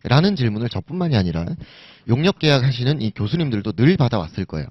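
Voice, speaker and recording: A man's voice: mid-range voice, big pitch swings, fast talker, husky, no room sound. A man teaching an exam-prep lecture, casually asking and answering his own questions. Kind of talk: recorded lecture. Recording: dull lo-fi recording.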